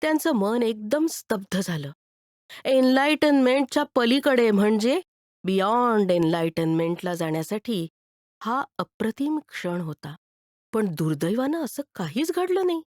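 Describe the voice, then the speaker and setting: A woman narrating a written story with expressive delivery. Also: on the high side, a little slow, no room sound, clean studio sound. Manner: expressive, animated.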